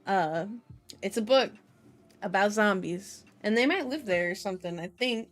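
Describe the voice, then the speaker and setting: Here a VTuber livestream host makes casual conversation in an expressive, medium-pitched voice at normal speed. She has a playful, childlike turn of phrase and keeps repeating herself, all over background music.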